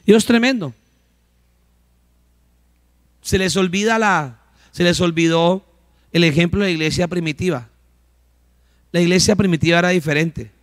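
Pastor preaching, high and close. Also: male voice, no room sound. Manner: preaches with call-and-response questions, acting out little dialogues. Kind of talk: sermon.

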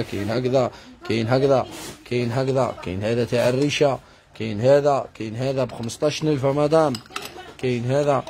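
A man with an Algerian Arabic accent giving a live sales pitch in his kitchenware shop, listing items and prices and addressing viewers as madam. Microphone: phone livestream. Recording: noisy shop with clattering dishes.

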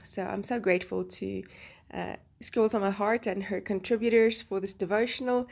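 Her voice is gravelly and darkish at a medium pitch as this South African woman, a native Afrikaans speaker, voices over her Bible journaling craft work. She's chatty and laughs often between phrases.

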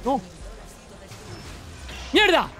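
A man giving excited gameplay commentary as channel host, shouting and swearing often. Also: very high-pitched, very slow, faint music behind.

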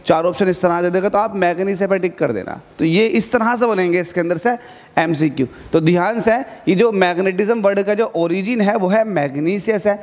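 A man's voice: sits high, big-room sound. A male physics teacher giving an exam-prep lesson to students, urging them on and repeating key points as he asks and answers his own questions.

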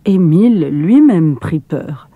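A woman narrating a children's storybook in a calm, measured reading voice, close to the mic. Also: low voice, no echo, narrow, tinny audio.

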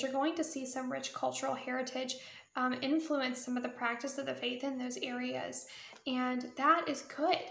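A young woman in her twenties hosting a faith video, explaining in an earnest, measured way with small restarts, speaking to a camera in a small room. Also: high voice, creaky, echoey room. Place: small indoor room before a patterned curtain.

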